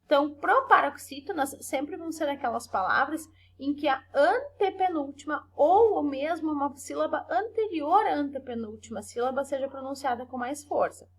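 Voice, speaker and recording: A woman teacher records a lesson for children, her voice high and clear. She explains patiently, stretching example words to stress their syllables and ending points with short tag questions. The delivery is gentle and methodical. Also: moderate pace, few pauses. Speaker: primary school teacher. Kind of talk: recorded remote class for children.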